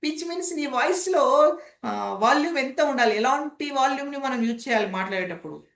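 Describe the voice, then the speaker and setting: A woman teaching voice modulation in an online session, demonstrating loud, soft, fast and slow speech and asking the audience questions. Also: high voice, lively intonation, echoey room. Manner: demonstrative, shifts volume and pace on purpose to illustrate points; asks the audience rhetorical questions. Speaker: voice modulation trainer. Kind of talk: online training session lecture.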